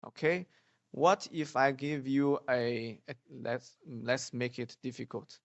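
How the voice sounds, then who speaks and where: Slow, patient man teaching tones. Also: mid-range voice, no echo. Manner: slow, patient drilling of sounds, often loud on examples. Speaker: Mandarin teacher. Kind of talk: beginner pronunciation lesson. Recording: dull lo-fi dry sound.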